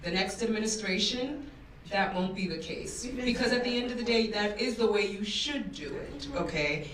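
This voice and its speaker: A woman's voice: medium pitch, normal speed, a bit bright. A woman on a panel speaks candidly and with some animation about her business path. She is heard from a distance in a roomy hall with a faint hum of noise. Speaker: diaspora entrepreneur panelist. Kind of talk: panel discussion. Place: large conference room. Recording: echoey room, distant mic.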